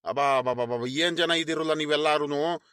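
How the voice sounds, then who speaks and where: A grumbling, scolding village landlord in a cartoon, voiced by a man, proud and easily offended. He talks with a high voice. The sound is close and dry. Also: moderate pace, fairly bright tone, clear, resonant tone, dry recording, close to an everyday voice. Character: proud grumpy middle-aged male village landlord.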